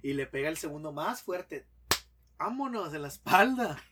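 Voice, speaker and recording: With background noise behind him, a man with a fairly high voice and moderate pace delivers a long joke as a guest on a podcast. He brings the casual chat to life by voicing characters and making sound effects.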